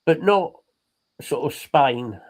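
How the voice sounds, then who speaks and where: Chatty man, slightly high voice. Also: expressive. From England. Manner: chatty, emphatic, quick to deny and correct. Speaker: podcast co-host. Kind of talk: casual chat. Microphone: remote call setup.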